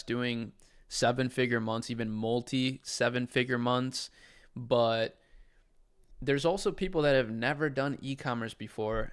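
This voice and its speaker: A man's voice: medium pitch, clean tone. A young adult man from Chile, casually chatting as a livestream host and answering viewers' questions. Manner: relaxed, conversational, answers chat questions.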